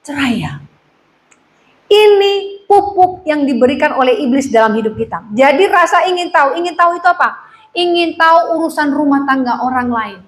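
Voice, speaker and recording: Woman pastor, high voice, animated storytelling sermon. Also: brisk, poor audio. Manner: lively storytelling, acting out gossiping neighbours.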